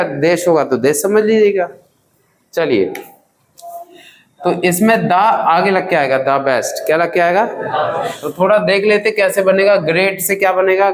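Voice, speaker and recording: A man's voice: high-pitched, reverberant, a little hiss or hum, rough recording. A man teaching grammar in a classroom, drilling students with repeated questions and calling them children. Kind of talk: classroom lesson.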